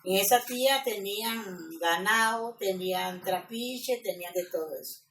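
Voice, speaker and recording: A woman's voice: medium pitch, moderate pace, a bit bright, a little hiss or hum. Woman in her seventies, distant and roomy. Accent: Costa Rican, Guanacaste. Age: 70s. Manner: reminiscing, conversational, checks in with "¿ya?". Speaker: interviewee. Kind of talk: documentary interview. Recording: roomy, distant mic with music underneath.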